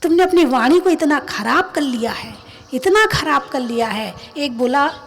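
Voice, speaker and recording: A woman's voice: high voice, expressive, faint music behind. A woman giving a religious sermon, talking conversationally and asking her listeners questions. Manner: acts out everyday voices in quick asides. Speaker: Jain nun preacher. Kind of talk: religious discourse.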